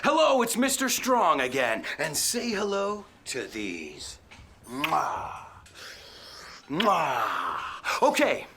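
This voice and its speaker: A man's voice: a little high, huge pitch swings, extremely slow, noisy background, heavily acted. A man playing a peppy male fitness coach in a TV English lesson, with a Spanish accent and a playful, exaggerated manner. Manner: exaggerated, playful, sing-song. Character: Mister Strong, a bouncy male fitness coach. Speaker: English teacher.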